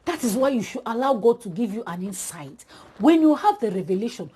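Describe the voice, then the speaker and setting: A woman's voice: a little high, very animated, fairly quick, dark tone, slightly rough. A woman preaching an exhortation, speaking straight to her listeners with emphatic repetition.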